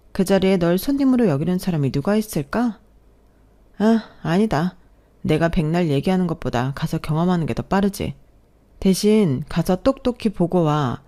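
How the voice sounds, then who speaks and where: A woman's voice: fairly low pitch, animated, normal speed, dark tone, close to an everyday voice. A woman voicing a blunt, cynical divorced older sister in a storybook audio drama. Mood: knowing. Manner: blunt, knowing.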